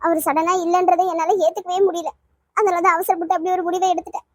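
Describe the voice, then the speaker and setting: A woman's voice: very high-pitched, flat delivery, quick pace, dry recording, clean studio sound. Tearful heartbroken young woman. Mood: sad pleading. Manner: pleading, sobbing softly. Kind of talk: cartoon voice acting.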